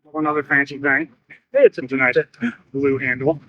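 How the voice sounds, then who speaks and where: A man's voice: mid-range voice, fairly even intonation, moderate pace, no echo, dull audio. A man talking informally as he presents at a ceremony.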